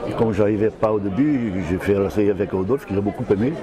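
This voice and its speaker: An older man with a Brazilian Portuguese accent speaks in a low voice, answering interview questions. He hesitates, searches for words and restarts his phrases. A loud crowd murmurs behind him outdoors. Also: fast talker. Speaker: comic book author.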